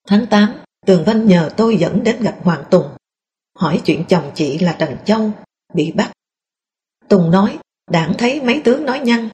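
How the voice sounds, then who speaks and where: A woman reading a first-person memoir aloud in a calm, steady storytelling voice. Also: mid-range voice. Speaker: narrator.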